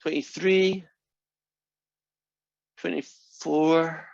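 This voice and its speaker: There's a fairly high pitch to this man's voice, a steady tone with drawn-out words, some vocal fry and a slightly mellow quality. In his sixties, he teaches an online math class in a friendly, chatty way, regularly asking "right?" He's recorded dry on a computer mic over a video call, with dull lo-fi call audio.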